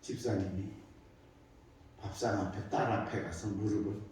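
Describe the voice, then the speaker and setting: An older man, a pastor, telling a story in a sermon with animated, emphatic repetition, heard from afar in an echoey church sanctuary. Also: lowish voice, normal speed, recorded from a distance, a little hiss or hum.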